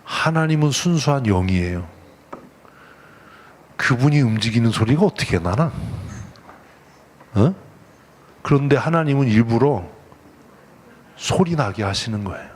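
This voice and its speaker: A man preaching a lively, conversational sermon as pastor, teasing his congregation and acting out the voices in the story. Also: medium pitch, measured pace, long pauses. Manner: playful, teasing, acts out God's voice and the congregation. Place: church sanctuary.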